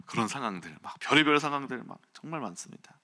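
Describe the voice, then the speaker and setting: Male preacher, bright and forceful tone, animated storyteller who acts out scenes. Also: mid-range voice, fast. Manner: animated storytelling, acts out quotes and sounds, chuckles. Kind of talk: early-morning sermon with personal storytelling.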